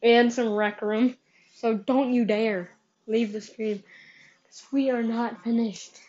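A woman's voice: a little high, steady tone, takes it slowly, a little mellow, muffled recording. A woman hosting a live gaming stream, chatty and upbeat, heard through livestream headset mic audio. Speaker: livestream host.

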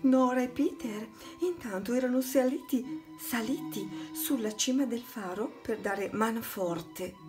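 A woman's voice: on the high side, a little slow, music in the background. A woman narrating a children's storybook, reading aloud expressively and dramatically.

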